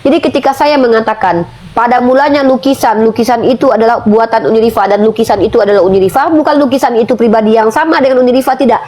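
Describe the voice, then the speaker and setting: A woman making a religious argument in a debate, forceful, asking herself rhetorical questions and slowing down to stress key points. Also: fairly high pitch.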